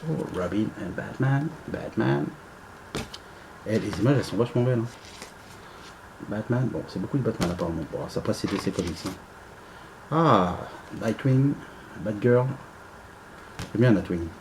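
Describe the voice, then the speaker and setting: A man's voice: lowish voice, animated, moderate pace, long pauses, background noise. A man giving casual unboxing commentary, rambling and hesitant with many fillers. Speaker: unboxing vlogger.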